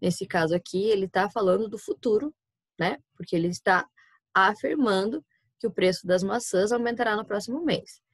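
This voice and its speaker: A woman's voice: medium pitch, normal speed, slightly rough, dry recording. A woman with a Brazilian Portuguese accent, a Spanish teacher giving a recorded online class, patiently explaining step by step and often checking in with her students.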